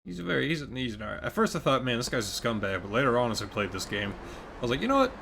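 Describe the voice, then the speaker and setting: A man's voice: mid-range voice, fast, gravelly, fairly bright tone, slight background noise. A man hosting a let's play, chatting casually and easily in rambling thoughts while he plays. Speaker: let's play host and player. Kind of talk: casual chat over gameplay. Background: video game music.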